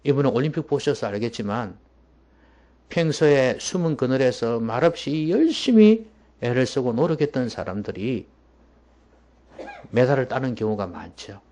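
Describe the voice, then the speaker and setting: A man preaching a sermon as pastor in a church, emphatic and at times dropping to a hushed voice. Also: mid-range voice, expressive, moderate pace, long pauses.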